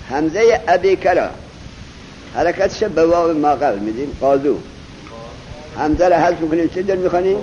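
A man teaches a grammar class in a somewhat high voice, firing questions at his students and stretching out each example as he recites it. The recording is muffled and lo-fi, with a faint hiss underneath. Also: warm tone. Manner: drills students with questions, slow emphatic recitation. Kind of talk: classroom lesson on Arabic grammar.

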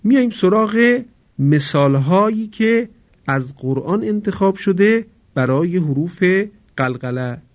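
A man teaching Quran recitation rules, explaining briskly, then chanting example words slowly for students to repeat. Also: high voice, expressive. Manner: slow drawn-out recitation of example words between quick explanations. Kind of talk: tajwid lesson with call-and-repeat recitation. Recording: dull lo-fi recording.

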